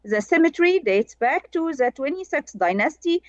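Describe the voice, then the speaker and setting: A woman from Egypt, presenting over a video call and reading a prepared conference paper slowly and carefully. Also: high-pitched, expressive, darkish tone, no room sound. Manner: slow, careful, measured delivery. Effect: heard over a video call. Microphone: remote computer mic on a video call. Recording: dull, dry video call audio.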